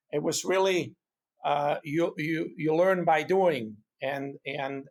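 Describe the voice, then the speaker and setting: A middle-aged Swiss-accented man speaks in an earnest, halting interview style, often doubling his words as he goes. His voice sits a little high, with a gravelly, husky edge. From Switzerland. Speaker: guest, hoof care expert. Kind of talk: casual interview talk.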